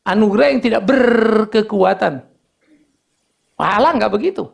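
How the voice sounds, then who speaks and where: A man's voice: high voice, measured pace, creaky. A man from Indonesia preaching a sermon as pastor, mixing casual asides and acted-out dialogue into his talk.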